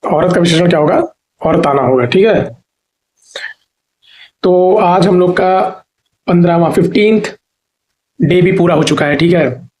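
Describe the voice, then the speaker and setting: A man teaching a Hindi exam-prep class, asking a question and then answering it himself, repeating each answer and spelling words out slowly. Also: sits high, a little mellow. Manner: drops "theek hai" checks between points.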